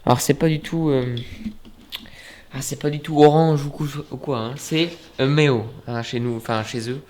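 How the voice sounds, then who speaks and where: A man's voice: mid-range voice, steady tone, moderate pace, darkish tone. Chatty young man giving a home tour. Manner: chatty, joking, many fillers. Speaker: vlogger. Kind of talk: casual apartment tour vlog. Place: indoors and on a balcony.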